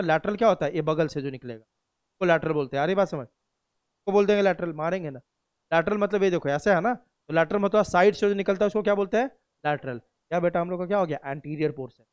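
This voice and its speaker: A man's voice: sits high, clean tone, dry recording, clean studio sound. A male biology teacher, lecturing a class in a conversational way, asking questions and answering them himself and often checking that students follow. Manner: asks and answers own questions; frequent checks like "samjhe".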